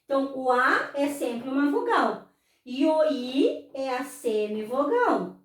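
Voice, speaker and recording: A very animated Brazilian woman with a high voice teaches a slow explanatory lesson, stretching and repeating words and answering her own questions. She speaks with a Brazilian Portuguese accent and is recorded from a distance, well off the mic in a very echoey room.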